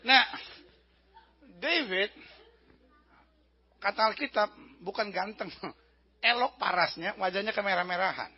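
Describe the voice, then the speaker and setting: A man preaching a humorous sermon as pastor, telling lively stories and mimicking regional voices of the people in them. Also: high-pitched, unhurried, long pauses, husky. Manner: animated storytelling, mimics regional accents and characters. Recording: dull lo-fi sermon recording.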